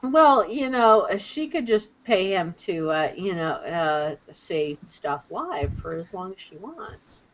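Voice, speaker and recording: A woman co-hosting a casual chat about a TV episode, unhurried and chatty, trailing off into fillers and laughing easily. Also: on the low side, sing-song, muffled recording. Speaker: podcast co-host.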